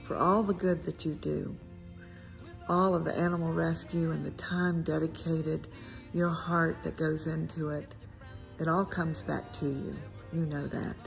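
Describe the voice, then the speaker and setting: A woman leaving a heartfelt video message in a soft, tender, reassuring way. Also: low voice, fairly even intonation, measured pace, gravelly, soft background music.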